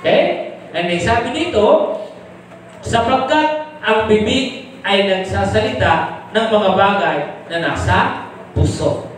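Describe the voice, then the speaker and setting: A male pastor preaches a live sermon, his voice pitched notably high for a man. He keeps asking the congregation rhetorical questions and slips into English for key points. The sound rings around a very reverberant church hall, picked up from a mic well away from him. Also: animated, slow pace, pauses often, a little hiss or hum. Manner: switches into English for summary points. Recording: very echoey live church recording from a distant mic.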